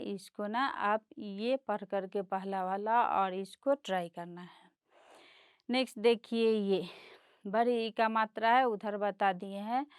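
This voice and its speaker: A woman's voice: mid-range voice, smooth, dry recording, clean studio sound. A woman teaching a primary class, patiently spelling out letters and sounds one at a time and mixing English words into her lesson. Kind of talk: slow classroom lesson explaining a chart.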